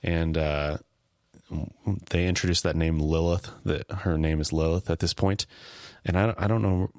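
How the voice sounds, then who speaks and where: Man, very low voice, dry close sound, casual podcast co-host, halting recap. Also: fairly even intonation, darkish tone, clear, resonant tone, dry recording. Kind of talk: casual discussion, recapping a TV episode.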